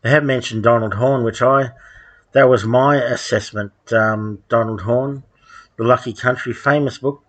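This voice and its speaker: A man, delivering a rambling solo monologue at home, halting with frequent ums and restarts and dry sardonic asides. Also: mid-range voice, fairly even intonation, fairly bright tone. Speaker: podcast host.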